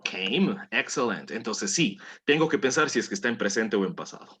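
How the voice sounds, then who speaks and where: A man's voice: lowish voice, lively intonation, fairly quick, fairly bright tone, breathy edge. A man teaching a language class, patiently coaxing students through pronunciation drills and repeating words for them to copy. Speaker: English teacher.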